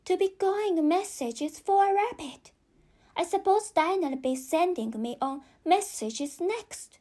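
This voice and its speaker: A woman's voice: very high voice, expressive, slow pace, dark tone, voice pushed up, full character voice. A woman voicing a curious, polite little girl who muses anxiously to herself in a children's audiobook. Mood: puzzled. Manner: wondering, talking to herself.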